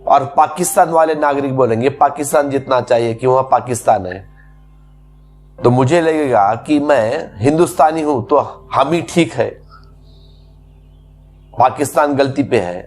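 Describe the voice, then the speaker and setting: A man's voice: medium pitch, a little slow, long pauses, darkish tone, soft background music. A man giving a spiritual discourse as a teacher, explaining patiently through repeated everyday examples.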